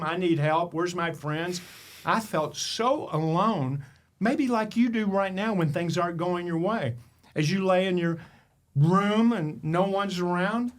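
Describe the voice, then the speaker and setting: Emphatic man hosting a motivational podcast. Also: high voice. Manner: emphatic, rhetorical questions. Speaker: podcast host. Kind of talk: motivational storytelling.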